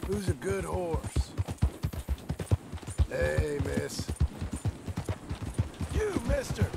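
An actor playing a gruff outlaw cowboy in a video game, murmuring softly and affectionately to his horse in a slow, low drawl. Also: big pitch swings, very noisy, heavily acted. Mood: tender.

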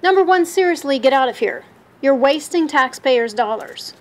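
An actress playing a stern police officer who runs a lineup with curt commands. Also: female voice, high voice, expressive, normal speed. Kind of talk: comedy sketch acting.

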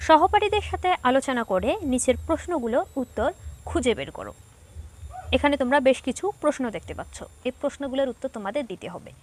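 A woman teacher with a high voice gives an online class. She reads each question out, then dictates the answer slowly and patiently, one step at a time. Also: very animated. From Bangladesh. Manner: patient, explains step by step to pupils.

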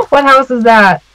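A woman chatting casually as a guest while gaming, bubbly and quick to laugh. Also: on the high side, sharp tone, dry recording, low-quality recording. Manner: giggly and bubbly. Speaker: guest gamer.

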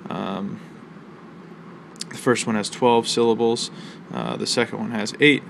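A man teaching a college literature lesson, explaining a poem's rhythm and imagery in a measured way with fillers and pauses. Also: fairly low pitch, fairly even intonation, creaky, fairly bright tone, slight background noise. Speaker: college instructor. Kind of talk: recorded literature lecture. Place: outdoors near a library.

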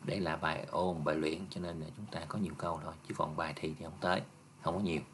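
Very low-voiced male teacher. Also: fairly even intonation, fast, a bit bright, a little hiss or hum. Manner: patient, explaining step by step with frequent "nha" and "nè". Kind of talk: exam review lesson.

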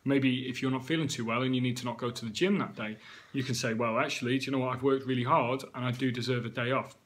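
A man's voice: medium pitch, fairly even intonation, fast talker, fairly bright tone. A British man in his thirties, a fitness coach giving a casual motivational talk to camera, chatty with frequent 'okay?' asides.

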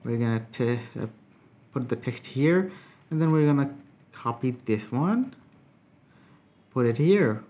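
A man giving a relaxed, conversational software tutorial, talking through each step with frequent filler words. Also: medium pitch, a little slow, pauses often. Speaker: software reviewer. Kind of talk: casual screen-recorded tutorial.

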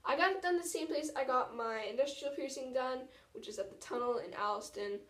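A woman's voice: high-pitched, brisk, fairly bright tone. Echoey young woman vlogging. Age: teenager. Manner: informal, self-deprecating. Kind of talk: casual chat to camera. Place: small tiled washroom at home, indoors. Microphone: camera propped about arm's length away. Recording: echoey bathroom, distant mic.

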